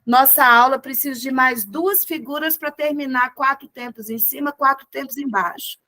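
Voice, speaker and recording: A woman teaching a group music lesson over a video call, encouraging the class and chanting words slowly in rhythm. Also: high-pitched, pushed and bright, no echo.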